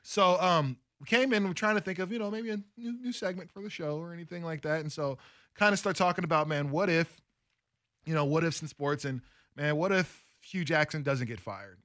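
A man's voice: on the high side, fairly quick, fairly bright tone, dry recording, clean studio sound. A man co-hosting a sports radio show, talking through football in a rambling, chatty way with lots of fillers. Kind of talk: casual sports radio talk. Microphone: studio mic.

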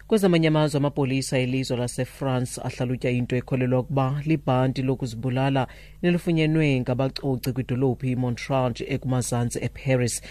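A man's voice: medium pitch, dark tone, dry recording. A South African man reading a scripted radio news bulletin. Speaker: news reader. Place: dry studio.

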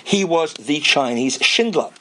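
A man with a hoarse, raspy, strained voice hosts a radio show in an informal, rambling monologue, with dramatic pauses and repetition. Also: a little high, lively intonation, pushed and bright. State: hoarse, losing his voice.

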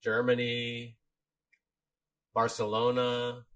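A man's voice: medium pitch, monotone, slow, fairly bright tone. A man co-hosting a live stream, casually reading out listener comments. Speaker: co-host reading the chat. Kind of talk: live Q&A chat.

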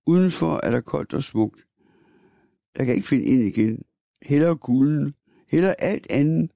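Gravelly, dark-toned man reading slowly. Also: on the high side, lively intonation, no room sound, studio quality. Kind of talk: literary first-person reading.

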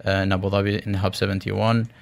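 During a radio interview, a startup founder pitches in a low, gravelly voice. His pitch stays flat, his talk is packed with tech-business jargon, and he keeps halting and restarting.

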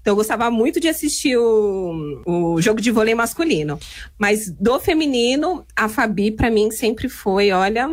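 Animated woman telling stories. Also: a little high, normal speed, no echo. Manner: animated, laughs often while telling stories. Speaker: interview guest. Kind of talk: casual storytelling interview.

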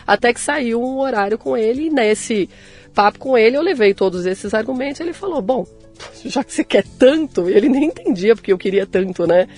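A woman's voice: on the high side, lively intonation, fairly quick, darkish tone, soft background music. A woman with a Brazilian accent, a podcast guest, earnestly telling her own story and often adding "né". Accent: Brazilian Portuguese. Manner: earnest, persistent storytelling with frequent "né". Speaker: guest, entrepreneur. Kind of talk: conversational interview.

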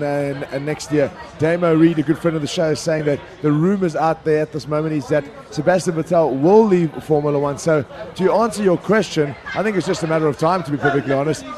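Fast-talking man discussing sport live. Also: a little high. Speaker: sports show pundit. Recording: clear crowd chatter behind. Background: crowd chatter at a live venue.

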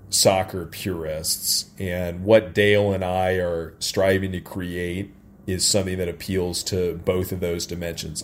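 A low-pitched American man, a St. Louis soccer radio play-by-play announcer, talks candidly and casually as an interview guest about his own experiences. The recording carries a little hiss or hum plus clearly audible ambience from the stadium radio booth.

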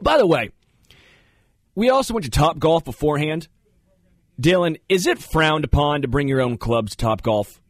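A man hosting a radio show from a studio, telling stories in a casual, animated way. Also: fairly high pitch, moderate pace, long pauses, dry recording. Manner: animated storytelling, puts on voices. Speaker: radio host. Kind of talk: casual sports radio chat. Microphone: studio mic.

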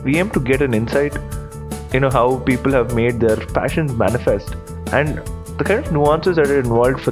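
Male podcast host, mid-range pitch, upbeat and welcoming, scripted opener, faint music underneath. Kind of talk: scripted podcast intro and interview.

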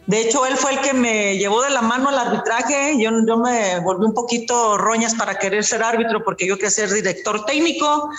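A middle-aged woman with a Mexican Spanish accent, a guest telling her story in a casual interview, lively and boastful, acting out what others said. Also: a little high, fairly quick, hardly any pauses, roomy sound, faint music behind. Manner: lively, boastful storyteller who acts out quoted dialogue.

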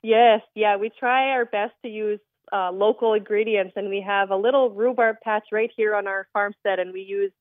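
A woman's voice: medium pitch, steady tone, normal speed, dry recording. A young woman from the Netherlands, a creamery owner, explaining her work as a guest on a radio phone interview, with frequent ums. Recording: tinny phone line.

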